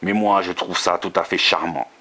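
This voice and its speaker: Un homme lisant un prince désinvolte et galant. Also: male voice, deep voice, fairly even intonation, normal speed, pushed and bright. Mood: offhand. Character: charming aloof prince, offhand and gallant.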